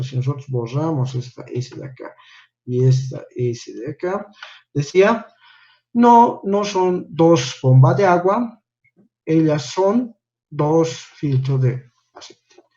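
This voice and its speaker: A man's voice: mid-range voice, mellow. Patient man teaching, dull lo-fi sound. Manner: patient, repeats "¿no?" after each point. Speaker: English teacher. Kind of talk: online class correcting homework.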